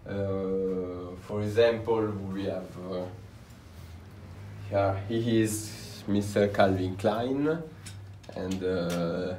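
Unhurried Italian-accented young tailor. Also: male voice, low voice, mellow, slight background noise. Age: young adult. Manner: halting, with frequent "uh" fillers. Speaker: tailor giving a workshop tour. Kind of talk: casual guided tour. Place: indoor tailoring workshop. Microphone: visitor's handheld camera. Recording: roomy workshop, faint ambience.

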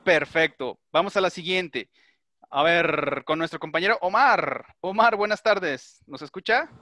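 Male instructor, middle-aged, slightly high and bright voice, methodical lecturing style. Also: a little slow, dry recording. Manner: methodical, explains step by step and checks understanding. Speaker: teacher. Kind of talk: online class lecture with questions to students.

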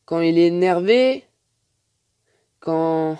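A man's voice: on the high side, very slow, dark tone, a little hiss or hum. A man with a French accent casually reviewing a toy set, hesitant with many fillers and lots of detail.

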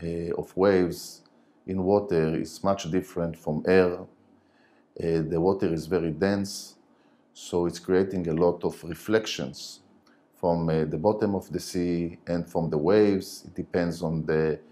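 Deep, dark-voiced man, halting non-native English. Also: fairly even intonation. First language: not English. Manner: halting, hesitant phrasing. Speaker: interview guest, company director. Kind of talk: technical explanation in an interview. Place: TV studio. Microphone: lapel mic.

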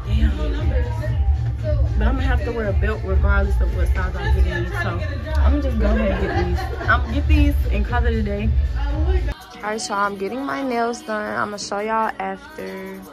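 A woman's voice: mid-range voice, dull audio. A young woman talking casually to her phone camera, chatty and slangy, swearing freely. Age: young adult. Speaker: vlogger. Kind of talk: casual vlog chat. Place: store fitting room, car, crowded outdoor fair. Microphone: phone held close. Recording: loud music and crowd behind at the fair.

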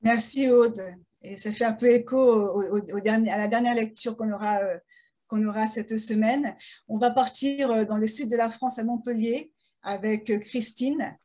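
A woman hosts an authors' reading, her voice mellow and a touch high. She links the readers with short, hesitant remarks full of small restarts. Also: fairly even intonation, normal speed. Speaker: host of the reading event. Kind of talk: brief introductions.

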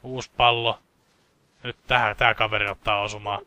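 Young male let's-player from Finland, bright edgy voice, lowish pitch, sarcastic and swearing. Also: little pitch movement. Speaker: gameplay commentator. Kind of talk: casual let's play commentary.

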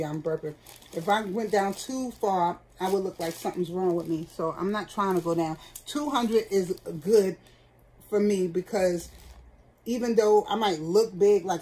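A woman's voice: mid-range voice, a little mellow, slight background noise, rough recording. A middle-aged woman, chatting candidly to her viewers while seated at home. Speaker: vlogger. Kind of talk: casual chat.

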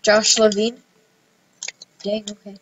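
A woman's voice: mid-range voice, level tone, slow pace, fairly bright tone, dull audio, a little hiss or hum. A woman giving casual, playful commentary while playing dress-up games at a computer. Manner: giggly, playful, chatty. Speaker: gameplay vlogger.

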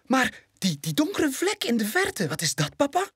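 A man putting on a bouncy little lion cub for a storybook, way up high and squeaky, flemish accent, all excited and eager. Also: normal speed, breathy edge, dry recording, clean studio sound, heavily acted. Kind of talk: storybook read-aloud.

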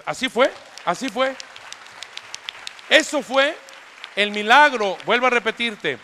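High-voiced priest in an echoey hall. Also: male voice, takes it slowly, a faint crowd, a little hiss or hum. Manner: animated, emphatic, joking asides. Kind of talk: storytelling talk to a live audience. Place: large hall with an audience.

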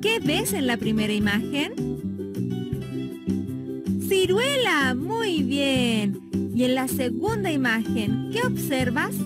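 A woman, a primary school teacher, giving a children's phonics lesson. She speaks slowly and carefully, sounding out each word and praising often. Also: high-pitched, big pitch swings. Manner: slow, carefully enunciated, praising. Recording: loud children's music underneath.

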